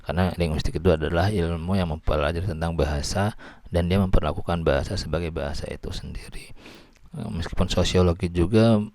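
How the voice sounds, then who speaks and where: A man's voice: low voice, brisk, darkish tone, no echo. A man lecturing on linguistics, explaining patiently and often restarting or repeating words. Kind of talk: recorded lecture.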